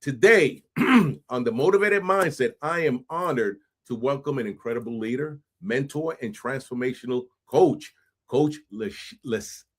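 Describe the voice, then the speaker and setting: A man hosting a podcast, energetic and hype, sprinkling in Spanish phrases and frequent "right?". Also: mid-range voice, a little slow. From New York City. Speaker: podcast host. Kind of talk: animated podcast intro and interview.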